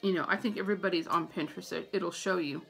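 A middle-aged American woman vlogs household tips to camera in a small room at home, chatty and informal, repeating points for emphasis. Her lowish voice is quick, fairly even and bright with vocal fry, captured by a phone or tablet at arm's length in a rough recording with faint music behind.

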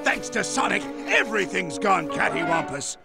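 An actor voicing a pompous, irritable older mad-scientist villain in a video game, with a gravelly, theatrical, commanding delivery. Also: male voice, sits high, very animated, moderate pace, loud music behind the voice, full character voice. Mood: angry. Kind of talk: video game cutscene acting.

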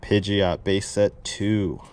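Digging through a storage unit on camera, a man vlogs with amazement, repeating his exclamations in an excited unboxing video recorded on a head-mounted action camera. His voice is on the low side and darkish, with little pitch movement, and he takes it slowly amid a little hiss or hum.

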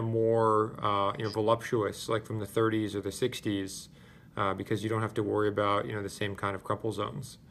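A man's voice: lowish voice, a bit bright. A man interviewing a guest, agreeable and rambling, with lots of "you know". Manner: agreeable, rambling, many fillers. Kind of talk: casual interview.

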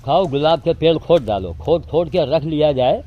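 A man's voice: a little high, expressive, normal speed, highs cut off. An older man talking outdoors, coaxing animals he is feeding and giving chores to a helper in between. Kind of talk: casual outdoor narration.

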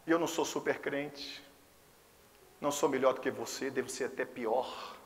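A man with a Brazilian Portuguese accent preaching a Pentecostal sermon as a pastor, impassioned, swinging between hushed and exclaiming passages. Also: medium pitch, normal speed, in a large hall, a little hiss or hum. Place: church service.

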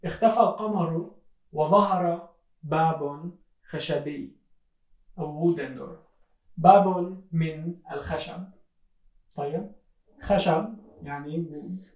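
Slow, echoey storyteller for learners. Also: mid-range voice, darkish tone. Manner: repeats each phrase, glosses words in English. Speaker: language teacher telling a story. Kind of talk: slow story telling for learners, with English glosses. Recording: roomy echo, voice from mic distance.

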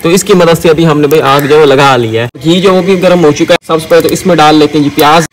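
Talking fast in a slightly high, steady voice, a Pakistani-accented man runs through a recipe like a relaxed village cooking vlogger. The setting is outdoor village fields and a brick-walled courtyard, with clear outdoor background noise.

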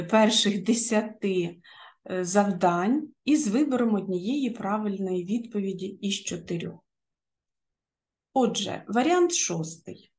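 A woman's voice: mid-range voice, warm tone. A middle-aged woman co-author and teacher giving an exam-prep lesson, explaining step by step with frequent hesitation fillers.

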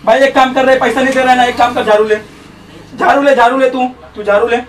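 Bossy high-voiced man from Bihar. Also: steady tone, quick pace, a little hiss or hum. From Bihar, India. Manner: forceful, bossy, repeats himself, demands respect. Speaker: salon barber. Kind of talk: heated argument in a prank video. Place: small salon shop indoors. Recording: echoey room, voice from far off.

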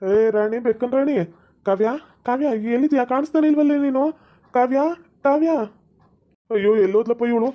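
A woman's voice: fairly high pitch, fairly quick, long pauses, lo-fi sound, close to an everyday voice. A woman playing a distraught young village man who has lost his cat, whiny and tearful. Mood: frantic searching.

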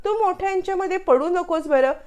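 A woman's voice: very high voice, fairly quick, darkish tone, voice pushed up. A woman reading the lines of a hurt, firm-spoken businessman son. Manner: firm, then dejected. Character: upset grown son, hurt and angry businessman.

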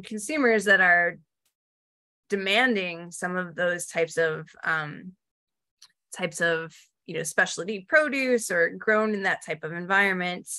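A woman's voice: lowish voice, sharp tone. A woman in her forties answering questions on a video call from her dining room, speaking hesitantly with many fillers. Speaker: guest speaker. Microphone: laptop webcam, video call.

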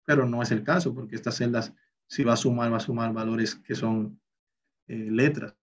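Male instructor, a bit breathy, walks students through formulas aloud; slightly muffled recorded-class audio. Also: medium pitch, fairly even intonation, normal speed, distant mic. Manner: explains step by step, talks through each calculation. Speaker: Excel instructor. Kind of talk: recorded online class walkthrough.

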